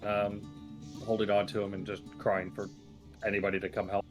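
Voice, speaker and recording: A man with a lowish voice playing a tabletop game. He talks in a rambling, hesitant way, full of fillers, while faint guitar music plays behind him. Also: little pitch movement, fairly quick. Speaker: player. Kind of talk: casual tabletop play.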